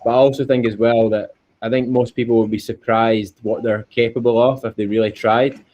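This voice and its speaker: A man's voice: mid-range voice, little pitch movement, a little fast, slight background noise. A man with a Scottish accent chatting informally and earnestly as an interview guest, often repeating himself. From Scotland. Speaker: interview guest, endurance cyclist. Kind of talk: casual interview chat. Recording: dull, lo-fi call audio.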